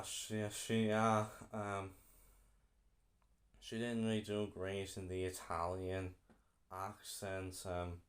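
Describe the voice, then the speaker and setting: A young man giving a casual film review, halting and often repeating himself. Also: on the low side.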